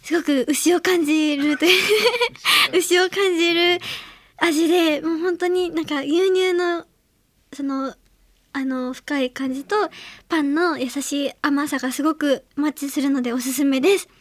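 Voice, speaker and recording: Young woman, from Hiroshima, radio host, very high voice, chatty with small fillers, dry close sound. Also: steady tone, normal speed, no echo. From Hiroshima, Japan. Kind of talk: solo radio segment talk.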